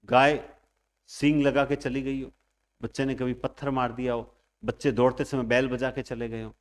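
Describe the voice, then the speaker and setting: A man teaching grammar, emphatic and lively, acting out students' questions and everyday examples. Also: moderate pace. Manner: lively, emphatic, stresses words with big pitch and loudness swings. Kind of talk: online exam-prep lecture.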